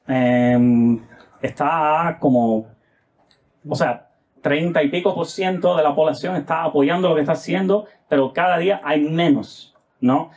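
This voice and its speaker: Halting man talking politics. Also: fairly high pitch, a little mellow. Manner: hesitant, many filler sounds, rhetorical tag questions. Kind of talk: casual political commentary.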